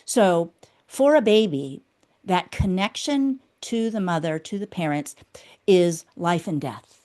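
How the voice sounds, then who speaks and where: A woman who specializes in the inner critic explains her theory as an interview guest, teaching it patiently and checking in often with "okay?". She speaks slowly in a fairly low, expressive, darkish voice.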